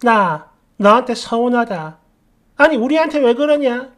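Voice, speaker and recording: A woman's voice: sits high, animated, moderate pace, pitched above the performer's own voice. A woman voicing a nagging older mother-in-law who scolds and wails, in a story reading. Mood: reproachful. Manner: scolding, wailing, shouting.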